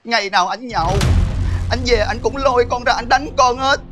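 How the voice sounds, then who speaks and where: A woman's voice: fairly high pitch, a little fast, music in the background, natural voice. A woman playing a defiant fed-up wife. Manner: defiant, dramatic. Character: rebellious fed-up wife turning to drink. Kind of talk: stage comedy sketch.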